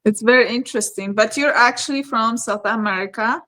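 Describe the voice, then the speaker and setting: A woman from Arizona welcomes viewers to her channel and interviews a guest. Her voice is fairly high and very bright, and she asks short, friendly questions. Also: a little fast. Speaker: channel host. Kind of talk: casual interview hosting.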